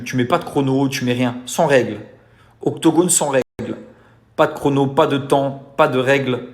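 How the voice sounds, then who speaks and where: A man talking casually to his followers, boastful and repetitive, challenging his critics to a fight. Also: medium pitch. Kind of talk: casual vlog talk.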